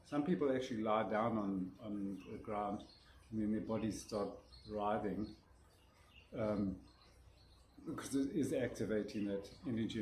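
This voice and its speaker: A breathwork teacher with a lowish, warm voice casually demonstrates a breathing exercise. He rambles, often restarts his sentences, and yawns. The recording has a roomy echo with faint noise.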